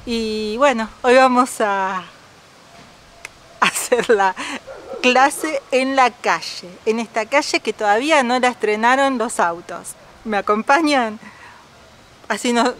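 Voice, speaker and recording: A woman's voice: fairly high pitch, fairly bright tone. A middle-aged woman with an Argentine accent, chatting casually to her camera on an empty street, giggly and playfully embarrassed. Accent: Argentine Spanish. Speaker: vlogger. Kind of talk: casual vlog chat. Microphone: handheld camera. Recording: outdoor background noise.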